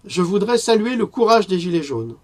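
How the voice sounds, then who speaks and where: A man giving a spoken press review, indignant and hesitant, often pausing on fillers before rising to outrage. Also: high voice, very animated. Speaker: independent press commentator.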